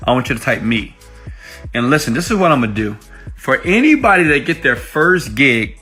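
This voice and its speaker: His fairly high voice is bright and forceful, slightly rough around the edges. This online money-making coach gives an emphatic motivational tutorial pitch to viewers, posing rhetorical questions to check in, and he records it on an iPhone microphone.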